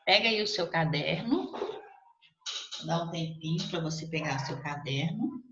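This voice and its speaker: A woman's voice: low voice, lively intonation, moderate pace, fairly bright tone. A woman teacher, patiently walking students through a recorded lesson and checking in with them often. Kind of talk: recorded remote class lesson. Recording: echoey room, slightly dull lo-fi audio.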